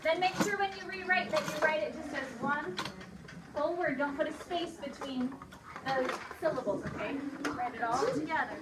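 A woman teacher leading a phonics dictation lesson, modeling each word slowly sound by sound and giving clear, encouraging prompts to the children. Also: high-pitched. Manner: slow, sound-by-sound modeling of words. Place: classroom. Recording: echoey room, distant mic, loud hiss.

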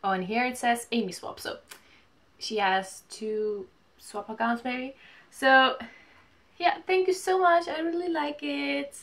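A woman in her twenties chatting casually while opening mail at home, gushing and reading letters aloud haltingly. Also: high voice. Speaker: vlogger. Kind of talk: casual unboxing chat. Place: small home room, indoors.

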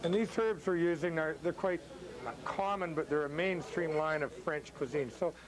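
A middle-aged man with a slightly high voice hosts a cooking demonstration as a chef, chatting casually and joking at a moderate pace. He's indoors in a restaurant bar room on a lapel mic, with a crowd audible behind him and poor audio quality.

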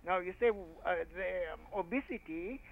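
An older man calling in to a radio show over a phone line, formal and lavishly flattering as he speaks. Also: high-pitched, normal speed. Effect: heard over a phone line. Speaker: radio call-in listener. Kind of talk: phone-in chat.

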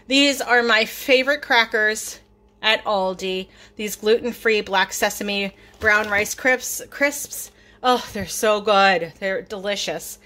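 A middle-aged woman shows her groceries to a phone camera in her kitchen, chatting in a relaxed way and saying um a lot. She speaks slowly at a medium pitch, and her voice sounds pushed and bright.

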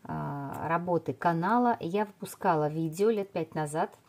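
A woman's voice: on the low side, normal speed, darkish tone. A middle-aged woman reviewing a perfume in a casual video, rambling with many fillers and restarts.

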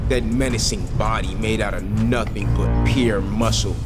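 Man as an excitable young guy over loud music. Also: fairly low pitch, normal speed, lightly acted. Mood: grave, awed. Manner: overacted anime dub parody, slangy and profane. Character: excitable, boastful young man in anime parody.

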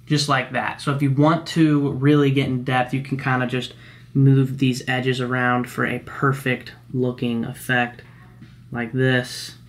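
A young man casually teaching video editing step by step, explaining each click in a relaxed, slangy way while recording his screen at home. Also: medium pitch, measured pace. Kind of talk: screen-recorded software tutorial.

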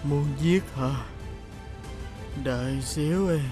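A man's voice: on the high side, slow, music in the background. A man voicing a tormented possessed son. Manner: groaning and pleading. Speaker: sick son.

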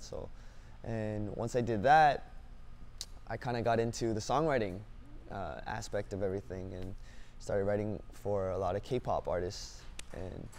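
A young man, a singer-songwriter born in South Korea and raised in Canada, answering interview questions in a relaxed, upbeat way with lots of fillers, on a lapel mic in a dim studio. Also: on the low side. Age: young adult. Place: dim indoor studio set.

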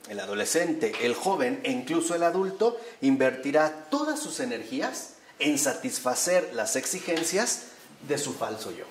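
A man's voice: on the high side, a little hiss or hum. A man gives an explanatory talk to a live audience and often ends his points with a tag question. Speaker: lecturer. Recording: roomy echo with faint ambience.

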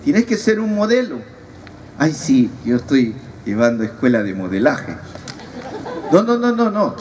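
A man's voice: mid-range voice, big pitch swings, a little slow, darkish tone. A man giving a humorous preaching talk at a youth retreat and teasing his audience. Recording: distant mic, audible crowd, noisy.

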